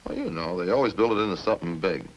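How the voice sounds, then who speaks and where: On a hissy old radio recording that sounds muffled, a man with a deep voice talks fast and animatedly. He plays a chatty, smug murder suspect in a crime drama, folksy and cagey while he casually needles the police.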